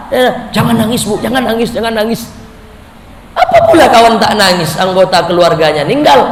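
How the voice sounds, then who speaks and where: High-voiced animated male preacher in an echoey hall. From Indonesia. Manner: animated, acts out quoted voices, asks and answers his own questions. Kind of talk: lively sermon to a live audience. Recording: echoey hall with faint noise.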